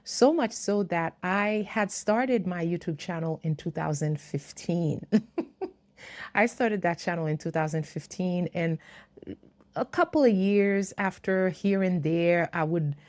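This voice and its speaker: A YouTuber in her fifties speaks slowly in a lowish voice, telling a personal story to the camera. English isn't her first language, and she comes across as earnest and reflective, with occasional light laughs.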